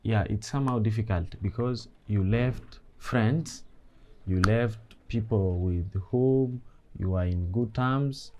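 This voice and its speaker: A young man from eastern Congo tells his story slowly in a documentary interview, pausing and searching for each phrase. He was recorded in the field, with steady noise in the background. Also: lowish voice, muffled recording. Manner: halting, searching for words. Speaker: refugee interviewee.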